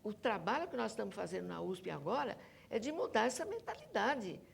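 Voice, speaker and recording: This Brazilian researcher and author, a guest on an academic panel, has a mid-range, sing-song voice with vocal fry and talks a little fast; a slight hiss or hum is audible. She argues emphatically, repeating and insisting on what she says.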